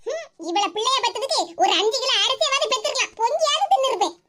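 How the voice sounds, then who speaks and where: A woman's voice: extremely high pitch, lively intonation, quick pace. A woman voicing a bitter, self-pitying old village mother in a cartoon who scolds her daughter with sarcasm. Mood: grumbling. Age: older. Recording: loud background noise.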